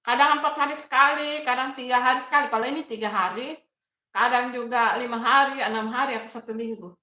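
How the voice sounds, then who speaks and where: Woman streamer, bright clear voice, casual coaxing chat with viewers. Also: fairly high pitch, fast talker, roomy sound. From Indonesia. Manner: chatty, reads viewer comments aloud, gently coaxing. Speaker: live streamer. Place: home kitchen.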